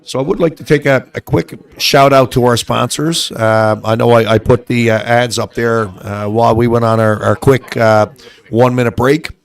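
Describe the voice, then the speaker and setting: A man commentating a curling match, chatting in a relaxed way with many fillers. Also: medium pitch, moderate pace, vocal fry. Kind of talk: sports commentary.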